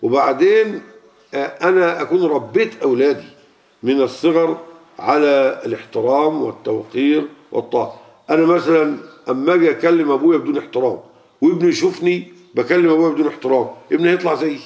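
Quick-paced and a little mellow, this fairly high male voice carries an Egyptian Arabic accent as he delivers a sermon to a gathering. His talk is colloquial and full of questions to listeners, and the recording is lo-fi and muffled.

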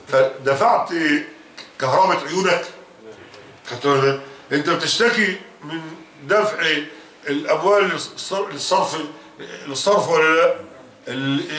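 A man's voice: high-pitched, a bit bright, far from the mic. A man with an Egyptian accent preaching in a mosque, animatedly quizzing his listeners and mixing formal and everyday Arabic. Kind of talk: mosque sermon with questions to the congregation. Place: large mosque. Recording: roomy, from off mic.

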